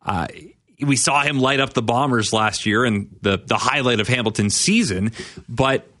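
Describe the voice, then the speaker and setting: A man hosting a sports talk show who sets up questions with facts in a measured way. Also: mid-range voice, bright, forceful tone, no echo, clean studio sound. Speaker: host.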